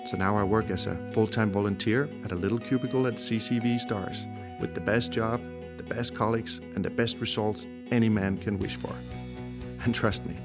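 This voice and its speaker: A low, gravelly voice from a man in his forties who grew up in Denmark and speaks Danish as his first language. He reads a scripted testimony in a measured, reflective way. Guitar music plays clearly behind him. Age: 40s.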